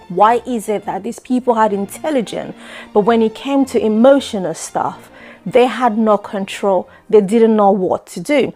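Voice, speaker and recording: A middle-aged woman from the Democratic Republic of Congo, a life coach hosting her own show, delivers a talk-show monologue. Her mid-range voice has a darkish tone, and she speaks earnestly, repeating words and often saying "you know".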